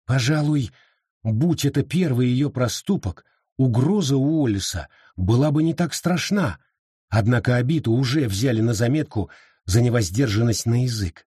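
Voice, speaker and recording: A male audiobook narrator with a husky, slightly breathy tone, reading in a measured way. His pitch moves in a lively range, and the recording is dry and close. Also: no echo. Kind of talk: scripted narration.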